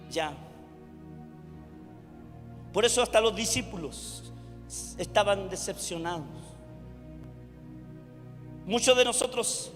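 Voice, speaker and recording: High-voiced Chilean pastor preaching in a hall. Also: male voice. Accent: Chilean Spanish. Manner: preaching to a congregation, rising to shouts. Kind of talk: sermon. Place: church hall.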